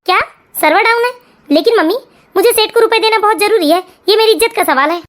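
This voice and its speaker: A performer voicing a hot-headed young husband in a cartoon story, urgent and accusing, in a very high voice. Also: fast, fairly bright tone. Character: stressed young husband, hothead.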